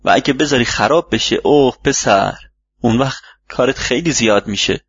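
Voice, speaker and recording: A man voicing a wise older male mentor in an audiobook, speaking calmly and instructively like a father. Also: medium pitch, husky, no echo. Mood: advising. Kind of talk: audiobook reading. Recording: dull lo-fi recording.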